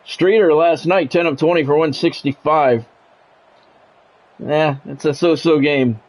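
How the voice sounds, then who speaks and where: Calling a football game live as a video game streamer, this middle-aged man brings polished sportscaster delivery mixed with offhand asides. He speaks a little slowly, with a fairly high pitch and a darkish tone.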